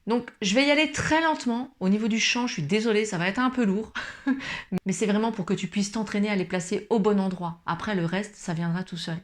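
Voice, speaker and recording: A woman giving a patient guitar lesson, explaining chords slowly and singing short examples. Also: mid-range voice. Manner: patient, explains slowly, sings along softly. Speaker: guitar teacher. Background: acoustic guitar playing.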